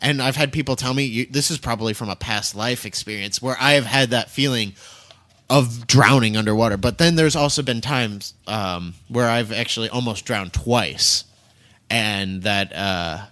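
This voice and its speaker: A man with a bright, ringing voice, chatting casually as a podcast co-host. He jokes, swears freely and rambles through his stories. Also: mid-range voice, normal speed. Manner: joking and profane, rambling storyteller. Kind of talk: casual chat.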